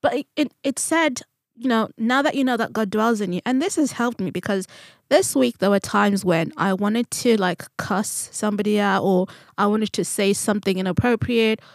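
A woman from Zimbabwe co-hosts a Bible study podcast, chatting casually about religion, acting out remarks and posing rhetorical questions. Her mid-range, creaky voice moves at normal speed in clean studio sound with no room noise.

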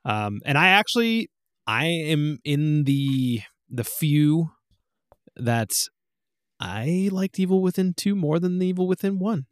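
A man in casual podcast chat, telling stories in an animated way and acting out his own reactions. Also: fairly high pitch, takes it slowly, smooth, no echo, clean studio sound. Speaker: podcast co-host.

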